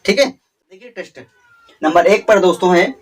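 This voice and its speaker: Male teacher, slightly high, repetitive drilling delivery, a bit off-mic. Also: lively intonation, slightly rough, distant mic. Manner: repetitive, drawn-out emphasis, frequent "theek hai". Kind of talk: exam memory-trick lesson.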